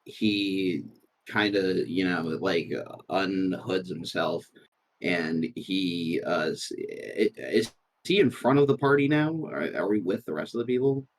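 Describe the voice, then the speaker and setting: A man playing in a tabletop game, describing his character haltingly with many fillers. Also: sits low. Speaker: player. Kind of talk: tabletop role-play chat.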